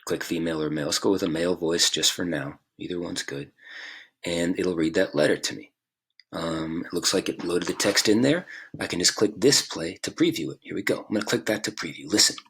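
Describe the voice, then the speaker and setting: A man's voice: sits low, fairly quick, fairly bright tone, slightly rough. A male teacher giving a casual screen-recorded tutorial, talking through each click at a computer mic.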